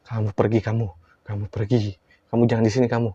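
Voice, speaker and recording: A man voicing a possessed woman who repeats low, muttered commands to leave. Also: flat delivery, fast, dark tone, breathy edge, no room sound, highs cut off. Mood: hostile. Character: possessed woman, hostile, shooing someone away.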